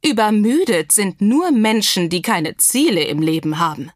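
A woman voicing a haughty, sharp-tongued older countess who speaks in a curt, disdainful way. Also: medium pitch, lively intonation, moderate pace, no room sound, studio quality, voice pushed up, lightly acted. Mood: lecturing. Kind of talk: audiobook character voice.

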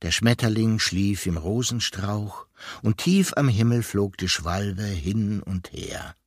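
A man reading a children's story aloud as narrator, slow and expressive. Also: lowish voice, no echo, studio quality.

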